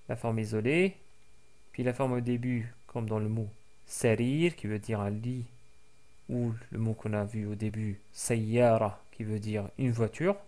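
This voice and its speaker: A man teaching a language lesson for French speakers, slowly repeating each word for practice, with frequent hesitations. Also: mid-range voice, a little mellow. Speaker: Arabic teacher.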